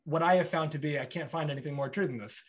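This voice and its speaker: This podcast host, a man in his thirties, is a fast talker with a fairly high pitch. Interviewing conversationally over a video call from a bright home room, he stays animated, gesturing broadly and voicing both sides of quick back-and-forth bits.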